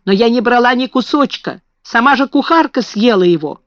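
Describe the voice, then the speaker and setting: A woman voicing a poor, frightened young servant girl who pleads in a high, tearful voice, in a dull lo-fi recording. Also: animated, moderate pace, dry recording, close to an everyday voice. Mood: despairing.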